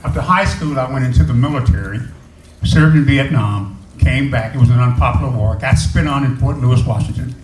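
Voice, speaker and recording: A man's voice: medium pitch, brisk, darkish tone, far from the mic, a little hiss or hum. Older man giving a campaign speech. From Arkansas. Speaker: Senate candidate. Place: community hall at a rally. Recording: echoey hall, crowd behind.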